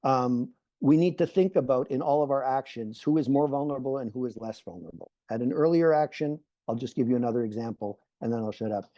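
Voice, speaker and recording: Over a muffled video call, a Canadian peace activist joins an online panel talk. He is an earnest middle-aged man with a mellow mid-range voice, a fast delivery, no room sound, and a habit of repeating phrases while he builds points.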